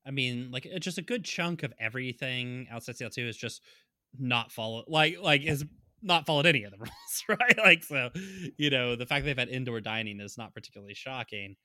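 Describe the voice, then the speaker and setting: A man's voice: medium pitch, fairly quick, sharp tone, no room sound, studio quality. A man co-hosting a casual political chat podcast, rambling and chuckling through his points. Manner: rambling, chuckling, many fillers. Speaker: podcast co-host.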